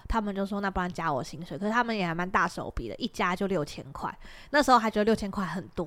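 Fast-talking Taiwanese woman telling a story. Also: mid-range voice, dry recording. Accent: Taiwanese Mandarin. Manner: animated storyteller, acts out quoted bosses, laughs often. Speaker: podcast co-host. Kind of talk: casual chat, storytelling.

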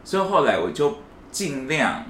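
A man's voice: a little high, sing-song, moderate pace, a bit bright. A man, co-hosting a casual podcast chat and telling a story while acting out the quoted lines. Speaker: podcast co-host. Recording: echoey room, faint hiss.

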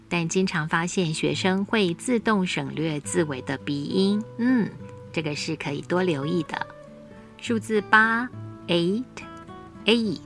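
A woman giving a podcast English lesson, saying example words slowly and carefully. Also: lowish voice, vocal fry, a bit bright. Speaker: English teacher. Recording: faint guitar music behind.

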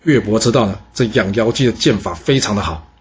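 Husky male storyteller, animated delivery. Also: on the low side, fairly quick. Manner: lively, animated narration. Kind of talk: history storytelling. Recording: dull lo-fi recording.

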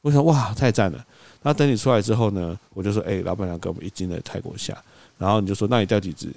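Fast-talking man telling a story. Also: lowish voice, vocal fry, dry recording. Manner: animated storyteller, acts out quoted lines, laughs often. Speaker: podcast co-host. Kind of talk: casual storytelling chat.

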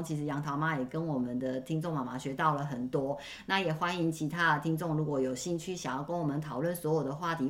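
Woman podcast host, deep voice, quick brisk talk, casual chat, english words mixed in. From Taiwan.

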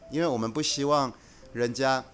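A man who is a guest executive on a podcast, explaining his company's approach in a measured, earnest way. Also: mid-range voice, fairly even intonation, a bit bright, faint music behind. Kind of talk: casual podcast conversation.

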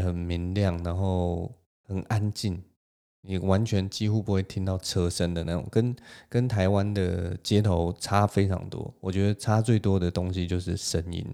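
A man hosts a solo podcast and tells a story in Taiwanese-accented Mandarin. His voice sits on the low side and sounds dark and mellow. He keeps the telling lively and breaks into small laughs along the way. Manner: animated, laughs between lines. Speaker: podcast host.

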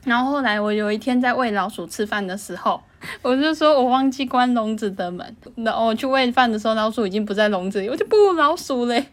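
A woman's voice: fairly high pitch, quick pace. A young woman with a Taiwanese Mandarin accent, chatting and telling a childhood story in a casual podcast. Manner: giggly, animated storytelling. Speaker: podcast co-host.

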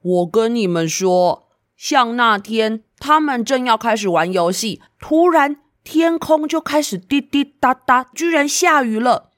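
A woman's voice: fairly high pitch, unhurried, no room sound, clean studio sound, pitched above the performer's own voice, natural voice. A woman voicing a grumpy little boy who is easily upset, complaining in a whiny, sulky way while reading a storybook.

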